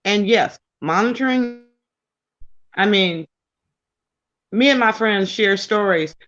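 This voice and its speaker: A woman's voice: medium pitch, takes it slowly, a bit bright. A woman calling in as a guest, talking emphatically and rambling with restarts over a crackly call line that keeps dropping. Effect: crackly, dropping remote call line. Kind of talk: casual talk show discussion. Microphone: remote call. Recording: dull lo-fi call audio.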